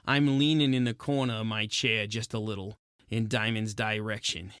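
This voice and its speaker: A man's voice: on the low side, steady tone, normal speed, a bit bright, clean tone, dry recording, studio quality, natural voice. A man playing a hot-tempered, wisecracking penguin private eye, narrating in clipped gumshoe slang for a noir radio play. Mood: brooding narration. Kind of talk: noir narration, 1940s radio detective acting.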